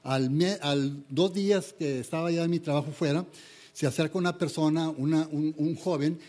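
A man preaches in a fairly high voice, earnest and conversational. He stumbles and restarts often. It sounds like a talk given to a congregation. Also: moderate pace, a little mellow. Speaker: pastor. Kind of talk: sermon.

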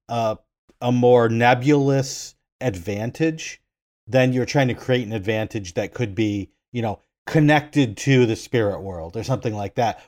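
Man, mid-pitched voice, tabletop player, casual rules talk, hesitant, thinking aloud. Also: darkish tone.

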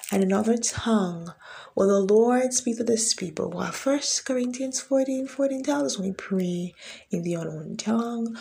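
Mellow-voiced woman minister declaring prophecy. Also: mid-range voice, vocal fry, slight background noise. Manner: slow, deliberate declaring, with frequent scripture quotes. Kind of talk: prayer and prophetic message.

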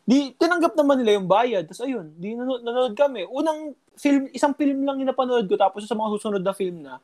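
A man's voice: very high-pitched, lively intonation, a little fast, darkish tone. A young man telling a story in a casual chat, rambling with lots of fillers and mild swearing.

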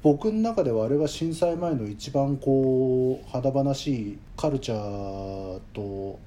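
A man talking as a guest musician in an interview, thoughtful and measured, with frequent hedging fillers. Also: mid-range voice, expressive, warm tone, a little hiss or hum. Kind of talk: reflective conversational interview.

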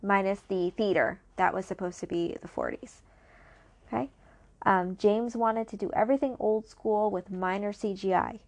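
A woman's voice: mid-range voice, steady tone, moderate pace, a little mellow. A woman co-hosting a casual movie podcast, enthusiastically sharing trivia and teasing her co-host. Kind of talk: casual movie review chat.

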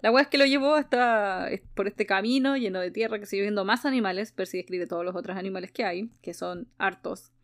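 Recapping a book on her relaxed podcast, this Chilean host laughs often, acts out quoted lines and keeps the energy lively. She has a mid-range voice and talks a little fast, rarely pausing.

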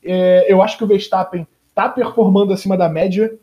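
A man's voice: sits high, steady tone, brisk, lo-fi sound. A man with a Brazilian accent chatting casually and slangily on a sports podcast.

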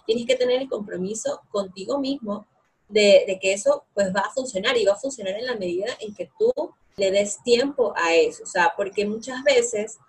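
Young woman, interview guest, husky, chatty, filler-heavy. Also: mid-range voice, normal speed. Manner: chatty, animated, many fillers. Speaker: guest, English course co-founder. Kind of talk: casual interview answers.

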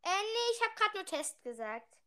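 A woman's voice: very high voice, very animated, moderate pace, a crowd in the background. A woman in casual, playful chat, asking questions as a partner in a challenge.

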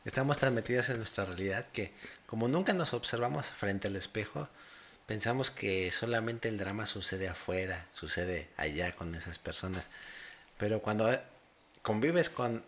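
A man's voice: on the low side, normal speed, a bit bright, slight background noise. A man with a Mexican accent, hosting a podcast and chatting casually and reflectively with his guest. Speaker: podcast host. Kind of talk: casual conversation.

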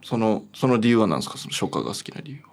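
A man co-hosting a podcast, answering quickly in a polite yet casual, agreeable way. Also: lowish voice, sing-song. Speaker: podcast co-host. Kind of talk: casual banter.

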